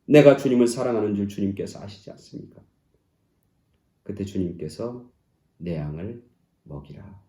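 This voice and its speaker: A male pastor giving a sermon, climbing to loud, high exclamations and then dropping to soft, near-whispered lines. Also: lively intonation, a little fast, roomy sound. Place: church sanctuary.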